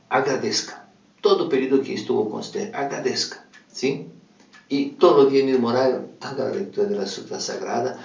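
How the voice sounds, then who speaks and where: Gravelly man teaching slowly and emphatically. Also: medium pitch, darkish tone. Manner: slow, emphatic, repetitive teaching with filler "eh". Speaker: spiritual teacher. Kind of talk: religious study lesson. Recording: echoey, dull recording from a distance.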